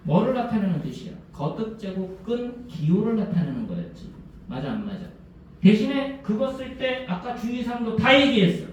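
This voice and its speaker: A male math teacher giving a classroom lecture, drilling students with quick check questions. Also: high-pitched, big pitch swings, slight background noise. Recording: echoey classroom from a distance.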